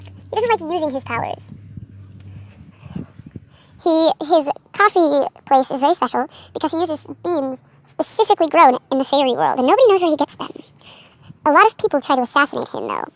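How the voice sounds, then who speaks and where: A woman's voice: sits high, big pitch swings, brisk, fairly bright tone, no room sound. A young woman chatting casually and rambling as she shows her own character drawings, easily distracted. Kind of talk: casual chat.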